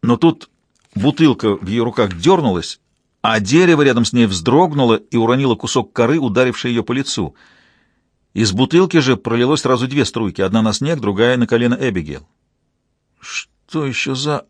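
A man reading an audiobook in even, measured scripted narration. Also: medium pitch, breathy edge, no echo.

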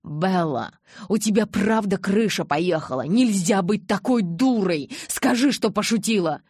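A woman reading the part of a hot-tempered young werewolf man, loud and mocking, with a husky voice. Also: fairly low pitch, expressive, brisk, dry recording, clean studio sound. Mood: furious. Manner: loud, mocking then shouting angrily.

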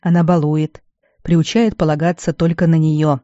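A reader doing a weary old army healer. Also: male voice, on the high side, flat delivery, normal speed, dry recording, lo-fi sound, lightly acted. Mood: gently lecturing. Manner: gruff scolding, then gently fatherly. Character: weary middle-aged male garrison healer. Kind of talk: audiobook character voice.

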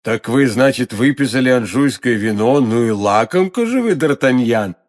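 A man's voice: medium pitch, expressive, normal speed, natural voice. Man doing a hearty, bluff musketeer. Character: jovial hearty male musketeer, fond of wine.

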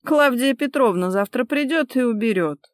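Shrill whiny young wife, read by a woman. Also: expressive, measured pace, no room sound, clean studio sound. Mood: indignant whiny. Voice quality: high-pitched, whiny, indignant. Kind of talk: audiobook character reading.

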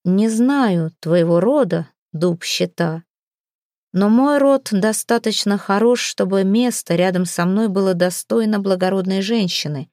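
A proud young warrior, still weak from illness, answers in a slow, clear and measured way, as a woman reads his part. The voice is mellow and dark, recorded close and dry. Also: on the low side, no echo, lightly acted. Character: proud young man, a sick guest, calm and dignified.

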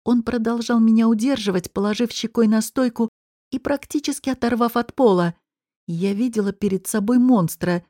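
A woman reading a first-person audiobook in a measured, expressive storytelling manner. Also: a little high, dry recording, studio quality. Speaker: audiobook narrator.

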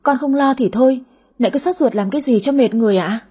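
A woman voicing a greedy, sulky daughter in her thirties with a high, whiny voice in an audio story. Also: fast, warm tone, breathy edge. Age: 30s. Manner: whiny, cheeky.

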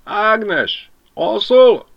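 A man's voice: high-pitched, lively intonation, creaky, voice pushed up. A man voicing a worried, breathless village wife in a lo-fi audiobook reading.

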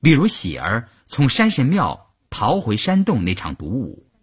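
A man reading an audiobook with animated storytelling. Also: mid-range voice, measured pace, husky. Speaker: narrator. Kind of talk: audiobook narration.

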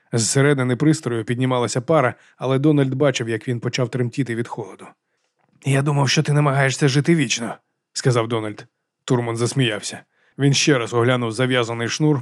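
A male audiobook narrator reads scripted narration in a steady, measured manner at an ordinary middle pitch. He is recorded close on a studio mic, completely dry with no room sound or echo.

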